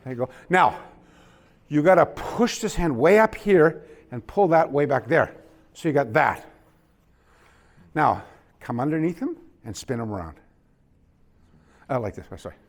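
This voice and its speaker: A man teaching a hands-on martial arts class in a dojo, coaching students with quick commands and laughter. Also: a little high, expressive. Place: dojo hall.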